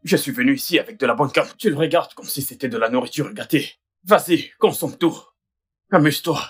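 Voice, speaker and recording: Manipulative schemer, raspy voice, insistent and wheedling, keeps repeating himself. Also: male voice, a little high, fairly quick. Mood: coaxing, pushy. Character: pushy, manipulative man scheming for a password.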